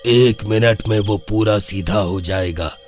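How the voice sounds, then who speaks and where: Cartoon grandfather: old, gruff, low-voiced, faint music behind. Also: slow, darkish tone. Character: stern old village grandfather.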